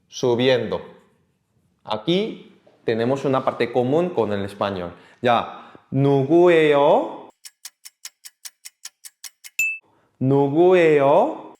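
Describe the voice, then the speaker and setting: A man's voice: mid-range voice, slow, pauses often. Guy teaching a class, patient, voice goes up and down a lot, echoey room. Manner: lively, patient, repeats words for the class to echo. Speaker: Korean language teacher. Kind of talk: online language lesson. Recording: echoey room with faint noise.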